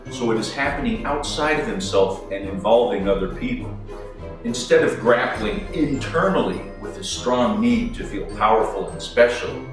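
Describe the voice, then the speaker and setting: A man speaking as a horror host, commenting on a film in a theatrical, measured, mock-solemn manner. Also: mid-range voice, far from the mic. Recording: echoey room, off-mic, music behind. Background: music.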